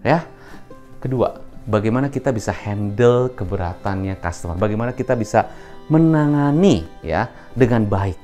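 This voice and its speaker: Animated man giving sales training. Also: on the low side, normal speed, soft background music. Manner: animated, mixes in English terms. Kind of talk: training talk with role-play demos.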